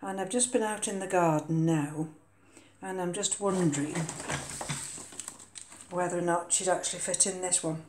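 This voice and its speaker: A woman's voice: lowish voice, moderate pace, long pauses, darkish tone, echoey room, a little hiss or hum. An older woman chatting casually about potting an orchid in her kitchen, hesitant with many ums and uhs. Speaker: orchid vlogger. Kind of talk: casual chat while potting a plant. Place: home kitchen.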